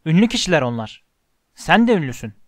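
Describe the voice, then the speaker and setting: Guy reading an audiobook doing a big gruff giant, loud and outraged but kind, slightly high voice, dry. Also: sing-song, fairly quick, no room sound. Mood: insistent. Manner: booming and indignant. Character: huge gruff bearded male giant gamekeeper, hot-tempered but kind. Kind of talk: audiobook character voice.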